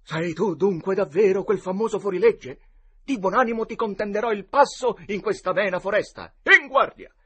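Man voicing a loud boy rival. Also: high-pitched, normal speed, husky, pitched above the performer's own voice, heavily acted. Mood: challenging. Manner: theatrical, loud. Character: eager boy playing a rival knight.

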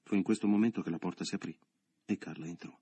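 A man narrating a literary novel as an audiobook in a measured, subdued reading style. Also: deep voice, fairly even intonation, dark tone, breathy edge, dry recording.

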